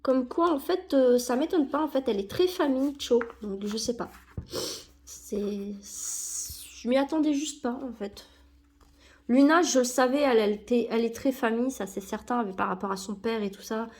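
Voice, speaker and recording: Her voice is fairly high and a little mellow, moving at a normal speed. A young YouTuber with a cold, she opens sticker packs and places them in an album, chatting loosely with many fillers and correcting herself along the way.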